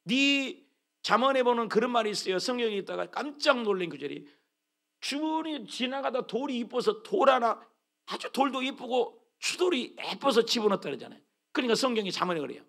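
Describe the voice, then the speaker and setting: A male pastor preaching a sermon to his church, exclaiming with sudden loud bursts. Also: very high-pitched, big pitch swings, a little fast, vocal fry. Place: church sanctuary.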